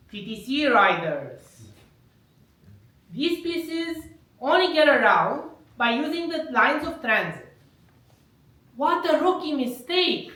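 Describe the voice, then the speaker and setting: A woman comedian does live prop stand-up in an unhurried, bright voice that swoops up and down, and she chuckles at her own puns. Her voice is high. The recording is echoey and the mic sits at a distance. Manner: wry wordplay, laughs at her own jokes.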